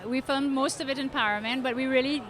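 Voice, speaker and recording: Halting Trinidadian woman, fairly high voice. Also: steady tone, a bit bright. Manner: halting, many restarts and fillers. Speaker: film producer. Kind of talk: red carpet interview. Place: outdoor red carpet event.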